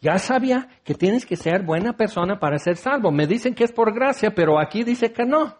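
Man, preacher, high voice, conversational sermon, rhetorical questions. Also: lively intonation, moderate pace. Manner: conversational, acts out listeners' replies, asks rhetorical questions.

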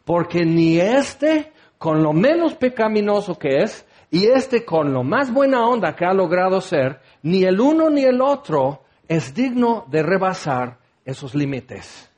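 Man, higher-pitched voice, casual sermon, rhetorical questions, playful asides. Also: very animated, unhurried, darkish tone. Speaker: preacher. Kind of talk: conversational sermon.

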